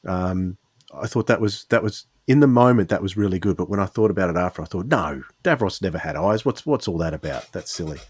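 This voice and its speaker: A podcast host with a deep, slightly breathy voice talks fairly quickly with lively intonation, chatting casually in a rambling, hesitant way and often correcting himself. The recording is dry.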